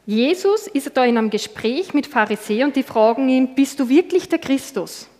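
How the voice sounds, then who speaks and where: A woman's voice: high voice, animated, moderate pace, a little mellow. A woman with an Austrian accent preaching a sermon in a church hall, personal and conversational, often saying "genau".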